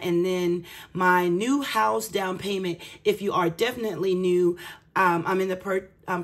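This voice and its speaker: A woman who vlogs about budgeting chats casually with her viewers, explaining things in a folksy, self-deprecating way. Her voice is medium in pitch, a bit bright, and slightly cracked and raspy.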